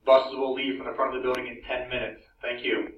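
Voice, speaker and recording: A man's voice: medium pitch, completely flat delivery, fast talker. Man announcing over the intercom. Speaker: school announcer. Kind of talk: public announcement. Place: school classroom, heard through a wall speaker. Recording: echoey, dull school intercom loudspeaker from far off, noisy.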